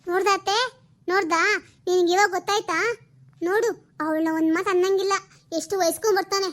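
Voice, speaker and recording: A woman voicing a jealous, sharp-tongued young wife in an animated drama, scolding and accusing. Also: very high voice, fast. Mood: furious.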